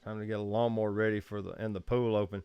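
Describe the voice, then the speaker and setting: A man's voice: fairly low pitch, flat delivery, fast, clear, resonant tone, no echo, dull audio. A man with a Southern US accent hosting a casual live-stream chat at home, rambling and easygoing, chuckling often. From Georgia, US. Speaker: photography livestream host. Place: room at home.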